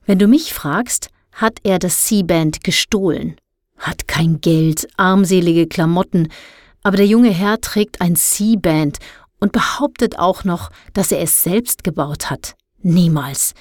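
A woman's voice: lowish voice, slow pace, darkish tone, dry recording, clean studio sound. A woman reading a snippy, preachy teen girl. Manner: snippy, lecturing. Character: snippy, self-righteous teenage girl. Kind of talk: audiobook character voice.

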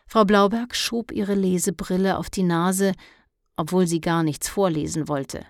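A woman reads a children's audiobook aloud in a calm, expressive storytelling voice. She speaks slowly, in a fairly low register. The recording is close and completely dry. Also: no echo. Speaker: narrator.

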